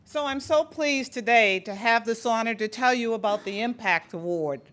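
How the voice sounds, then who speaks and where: A woman's voice: a little high, normal speed, a bit bright, slight background noise. Boston-accented woman presenting an award. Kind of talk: prepared speech at a podium.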